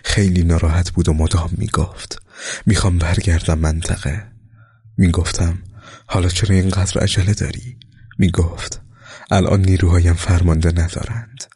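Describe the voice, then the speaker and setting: A man reading war memoirs aloud in a slow, solemn, scripted narration that sometimes sinks to a soft whisper. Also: low voice, fairly even intonation, husky, no room sound, clean studio sound.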